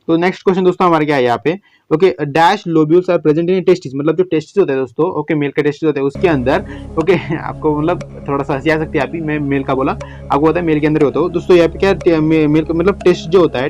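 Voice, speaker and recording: A man solving exam questions as a biology teacher, chatty, often saying "okay", reading English questions slowly word by word. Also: fairly high pitch, a little mellow, highs cut off. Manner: chatty, repeats "okay" and "friends", many restarts. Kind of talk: exam-prep lesson, solving MCQs.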